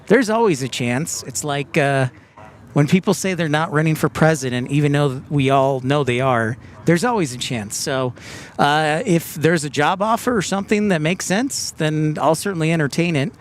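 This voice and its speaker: A man's voice: on the high side, moderate pace. A man hosting a live stream outdoors, chatting casually and reading viewer comments aloud. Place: outdoors by an airport.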